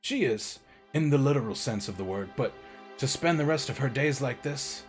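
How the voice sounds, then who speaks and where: A man voicing a grave middle-aged doctor, speaking low, quiet and solemn. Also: animated, normal speed, faint music behind, close to an everyday voice. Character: grave middle-aged male chief of medicine.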